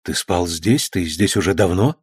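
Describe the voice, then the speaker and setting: A man's voice: sits low, moderate pace, slightly rough, no room sound, studio quality, pitched below the performer's own voice. A man reading a stern, ironic father. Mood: gentle. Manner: sarcastic, then soft and tender. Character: stern ironic middle-aged father, a painter.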